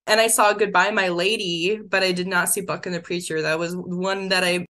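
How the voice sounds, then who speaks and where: A woman co-hosting a podcast, chatting casually and reading through a quick list with enthusiasm. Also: lowish voice, fairly even intonation, sharp tone. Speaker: podcast co-host. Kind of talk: casual chat.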